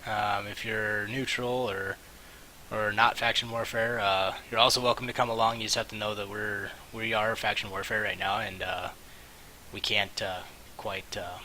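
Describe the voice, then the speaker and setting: A man giving casual, rambling and halting commentary on a game stream, with mouse clicking behind him. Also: fairly low pitch, flat delivery, sharp tone, poor audio. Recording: hissy mic, faint background noise.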